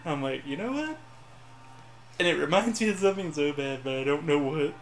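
Casting: higher-pitched man, jokey gamer commentary, echoey room with faint hiss. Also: fast. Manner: joking, self-mocking. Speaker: gameplay commentator. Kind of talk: casual gaming chat.

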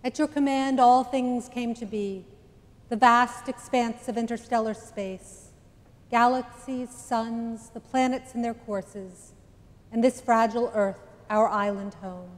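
A middle-aged woman priest leading a liturgical prayer at the altar, measured and solemn with deliberate pauses. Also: on the high side, steady tone. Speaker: priest celebrant. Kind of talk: chanted-spoken liturgical prayer. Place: large stone church, indoors. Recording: long church reverb.

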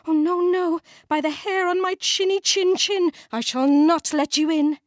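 A woman voicing small, frightened but defiant little pigs in a high, squeaky voice. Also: a little slow, no echo, clean studio sound.

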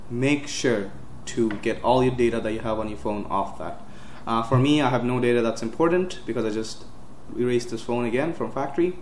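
In this screen-recorded software walkthrough, a man with a mid-range, darkish voice explains computer steps casually. The tech tutorial host gives plain instructions one step at a time, often saying uh and correcting himself, over roomy audio with a slight hiss.

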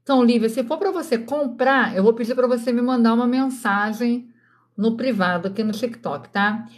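A woman's voice: a little high, moderate pace. A woman in her thirties with a Brazilian accent, hosting a casual live stream from home at night and chatting with viewers while she crafts. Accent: Brazilian Portuguese. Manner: chatty, addresses viewers directly, keeps voice down for sleeping kids.

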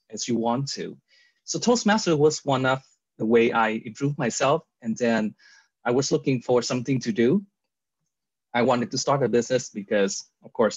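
Over a video call from an indoor room with a virtual background, a man from Vietnam shares his personal story as an interview guest, speaking with a Vietnamese accent. He's earnest, full of fillers and restarts, his medium, husky voice picked up with no room sound on a webcam in dull lo-fi audio.

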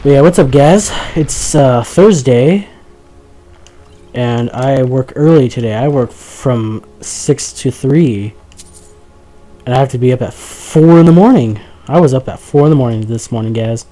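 A young man giving casual, chatty let's play commentary, joking with his viewers and reacting out loud as he plays. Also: medium pitch, measured pace. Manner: chatty, jokey, talks to the viewers, easily startled. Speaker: gaming commentator.

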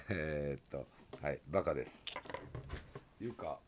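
A man's voice: rumbling low, measured pace, slight background noise. A man with a Kansai accent chatting loosely on a late-night phone live stream, greeting viewers and laughing often. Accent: Kansai Japanese.

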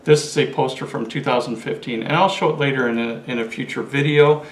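This collector vlogger, a man in his forties, holds up his collectibles one after another while chatting casually to camera from a desk in a small room with curtains. He speaks briskly in a mid-range voice with fairly even intonation, and the audio has a roomy echo plus a faint hiss.

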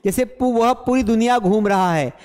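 A man's voice: very high-pitched, normal speed. A young man teaching an online English lesson in a classroom with a blackboard, mixing Hindi and English and joking with viewers over a headset mic. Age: young adult. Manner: animated, mixes Hindi and English, jokes with viewers. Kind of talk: live online lesson, chatty.

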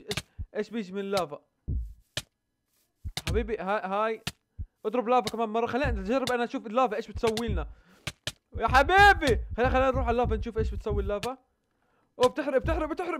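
A young man narrates his gameplay in a very high, quick voice. He gets excitable, repeating words and yelping when danger comes. A faint hiss of noise sits under the recording. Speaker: gaming YouTuber.

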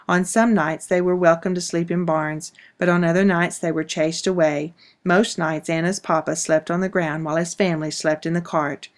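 A woman narrating a children's storybook in a measured, expressive way. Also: fairly low pitch.

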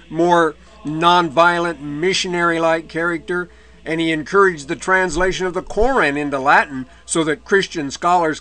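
A man's voice: a little high, fairly bright tone. Man lecturing with dry asides. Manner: conversational asides, dry humor. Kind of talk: recorded history lecture.

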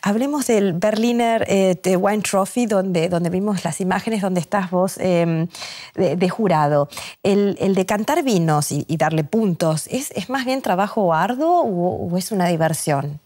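A woman's voice: medium pitch, unhurried, dark tone. A woman hosting a TV studio interview, asking curious, informal questions and repeating words as she starts. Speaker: TV interview host. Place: TV studio set.

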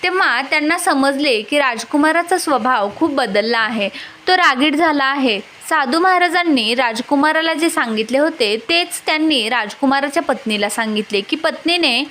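A woman's voice: sits high, animated, moderate pace, bright, forceful tone, a little hiss or hum. A woman narrating a folk tale as a storyteller, reading steadily with small restarts.

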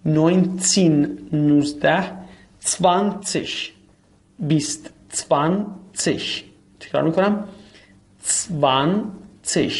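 A man teaching a language lesson, explaining quickly and then slowing down to spell out and repeat each word for his listeners. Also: fairly high pitch, vocal fry.

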